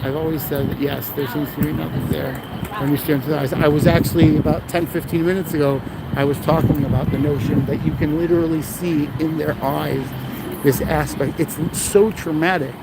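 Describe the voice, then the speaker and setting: A man talks in a relaxed, agreeable way, often nodding along with "yeah" and "absolutely." His voice sits a little high, and he is recording himself on a phone for a livestream outside. Loud traffic and street sound fill the background. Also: brisk, gravelly. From United States. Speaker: livestreamer and protester. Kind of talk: casual street conversation on a livestream. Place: outdoors on a city street with traffic. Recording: outdoor street noise and passing cars.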